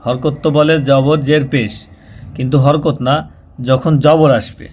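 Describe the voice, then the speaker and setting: A man teaching Quran reading. He spells out syllables slowly and patiently, repeating them and drawing them out as he demonstrates. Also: a little high, flat delivery, a little mellow, slight background noise. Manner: patient, repetitive, slows down and draws out syllables when demonstrating. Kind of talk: spoken tutorial, spelling out and chanting syllables.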